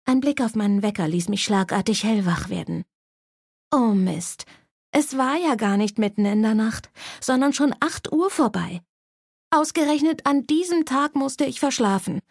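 A woman narrating a first-person audiobook in a lively storytelling voice. Her pitch sits fairly high. The studio recording is close and completely dry. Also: moderate pace, creaky, no echo.

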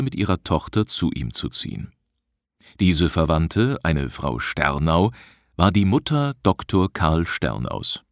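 A man narrating an audiobook in a measured, deliberate reading style. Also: low voice, no echo. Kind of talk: scripted narration.

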